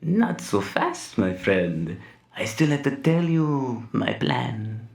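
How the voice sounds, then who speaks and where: A man's voice: medium pitch, very animated, slow, vocal fry, a little mellow, distant mic, voice pushed up, heavily acted. A man voicing a scheming cult villain in a tabletop game, gloating and toying with his listeners in a theatrical monologue. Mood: smug, welcoming. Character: scheming male cult villain, gloating, smugly playful, unhinged. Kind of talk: improvised tabletop role-play. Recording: roomy, echoing sound.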